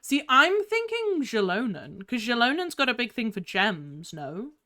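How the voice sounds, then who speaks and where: A woman streamer chatting live with her viewers in a bubbly, giggly, excitable way while playing games. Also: on the high side, measured pace. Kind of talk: live gaming stream chat.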